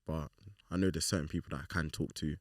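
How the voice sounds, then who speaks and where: A young man from talks in a loose, slangy way with an extremely low voice. He sits a little back from the microphone in a dry room. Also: fairly even intonation, quick pace, no echo, far from the mic. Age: 20s. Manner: laid-back, slangy, acts out quoted remarks. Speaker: podcast guest. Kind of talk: casual group chat.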